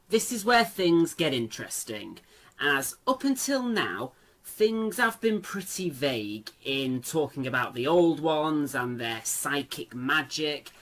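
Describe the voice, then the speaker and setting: A man with a hoarse, worn-out voice and a smoker's rasp, giving chatty, informal commentary on fantasy lore as a video host. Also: a little high, bright, forceful tone. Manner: chatty, informal, playful asides.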